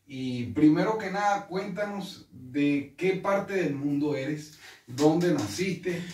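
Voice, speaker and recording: A man's voice: on the high side, expressive, slow, a little mellow. A man hosting a casual guitar interview, welcoming his guest in a friendly way with many fillers and restarts. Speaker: interview host. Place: room in Santiago, Chile. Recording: echoey room, mic at a distance.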